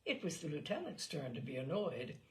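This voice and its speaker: A woman storyteller reads literary selections aloud in a dramatised style. Her voice is deep and very animated, and she narrates at a fairly quick pace.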